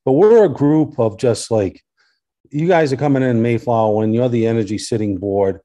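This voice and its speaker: A man's voice: mid-range voice, moderate pace, warm tone. A man speaking as a local resident at a public hearing, earnest and insistent, often repeating his points.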